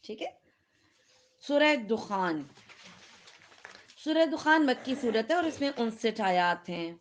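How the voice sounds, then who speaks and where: A woman's voice: on the high side, expressive, a little hiss or hum. Middle-aged woman w/ urdu accent giving a quran lesson, keeps quizzing the class, laughs along. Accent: Pakistani Urdu. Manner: questions the students and laughs with them. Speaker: Quran lecturer.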